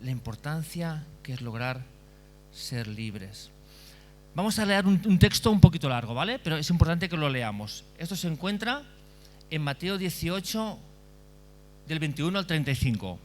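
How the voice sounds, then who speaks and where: A male pastor preaching a sermon in a conversational way, often checking in with listeners and repeating phrases. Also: on the high side.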